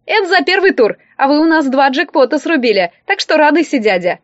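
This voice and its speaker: A woman voicing a brash young fairground stall girl who speaks loudly and excitedly. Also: sits high, fairly quick, dry recording, dull audio, pitched above the performer's own voice. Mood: chirpy. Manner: loud, chirpy, excited. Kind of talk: audiobook character voice.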